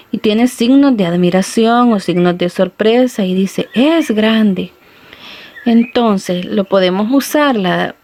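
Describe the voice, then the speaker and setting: Woman teacher doing a recorded lesson for kids, slow and patient, calls them little friends. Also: mid-range voice, darkish tone. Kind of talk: recorded classroom lesson for children.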